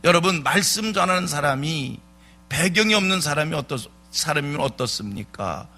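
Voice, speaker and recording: This man's voice sits fairly high, with lively intonation, a moderate pace and a sharp tone. He's a pastor preaching at dawn in a church sanctuary, using rhetorical questions and repeating himself for emphasis to drive each point home.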